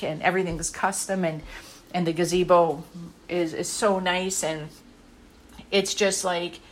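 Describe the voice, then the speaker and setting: A middle-aged woman who hosts a podcast, speaking in an earnest, rambling way with lots of fillers and pauses in a casual, heartfelt monologue. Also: lowish voice, a bit bright, slight background noise. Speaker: podcast host.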